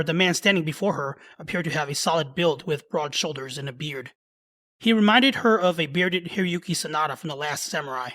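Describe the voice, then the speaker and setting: Bright-voiced male story narrator. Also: on the high side. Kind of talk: scripted narration of a love story.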